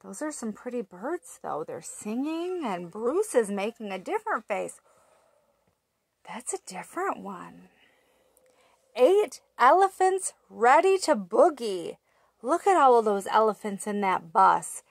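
This woman in her thirties has a fairly high, husky voice with vocal fry and wide pitch swings, and the audio carries no room sound. Slowly and in a sing-song way, she reads a picture book to toddlers and asks them little questions. A webcam at arm's length records her in a small room.

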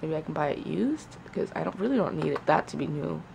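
Animated and fast, a young woman vlogs from a small bedroom by a window, swearing and muttering to herself as she works. Her deep, darkish voice has vocal fry and was recorded on a camera held close, with a little hiss or hum.

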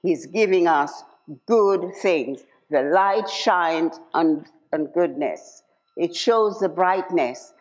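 A woman preaching a sermon at a church service, slow and emphatic, repeating key phrases and putting direct questions to her listeners. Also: on the low side, animated, a little mellow. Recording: dull lo-fi live church recording.

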